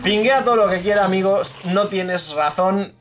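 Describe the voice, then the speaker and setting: A man's voice: high voice, normal speed, a crowd in the background. A young man from Spain giving casual live commentary while playing a game, swearing and venting about teammates. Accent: Spain Spanish. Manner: excitable, swears, frustrated rants at teammates. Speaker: gaming streamer.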